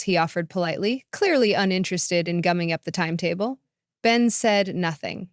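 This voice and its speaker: A woman reads a short story aloud in a measured, even way. Her voice is lowish, smooth and clear. The sound is dry and close, with no room in it. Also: no room sound. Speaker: narrator. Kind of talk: scripted narration of a short story.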